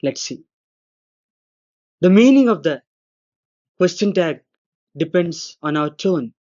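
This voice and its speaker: A man, a lecturer giving a recorded grammar lesson, explaining slowly and deliberately and acting out the intonation of his examples. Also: sits high, expressive, darkish tone, dull audio. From India. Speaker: English lecturer.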